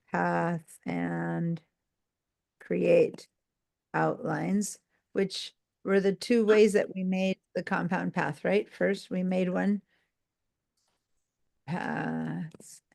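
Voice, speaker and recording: A sleep-deprived woman teaching a live online design software class, talking in a loose, rambling way with many fillers and restarts. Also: lowish voice, creaky.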